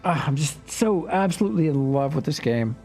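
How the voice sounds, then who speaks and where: A man's voice: on the high side, animated, brisk, darkish tone, soft background music. A man hosting a game livestream, chatting eagerly and trailing off with fillers as he sails around. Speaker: streamer host. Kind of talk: casual livestream chat.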